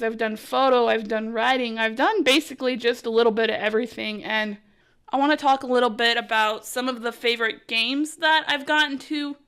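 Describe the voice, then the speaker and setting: A young woman talks through her own story in a casual podcast monologue. She is chatty and excitable, peppering her speech with fillers and acting out her own past reactions. Her voice sits on the higher side and sounds smooth and clear. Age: young adult. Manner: chatty and excitable, lots of "like" and "oh my gosh", quotes herself. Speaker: podcast host and college sports broadcaster.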